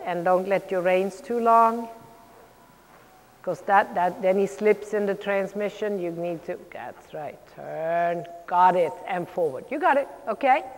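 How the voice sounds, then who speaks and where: Woman riding coach calling brisk commands, echoing hall. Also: mid-range voice. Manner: brisk projected commands with encouragement and blunt corrections. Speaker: riding instructor, clinician. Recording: long echoing reverb of a large hall.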